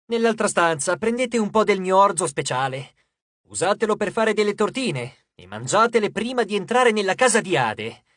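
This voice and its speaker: Narrator putting on a booming boastful harvest god. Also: very animated, moderate pace, no echo, clean studio sound. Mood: instructive. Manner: grandiose, declaiming, loud. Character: boastful male harvest god, theatrical and impatient. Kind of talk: audiobook character voice.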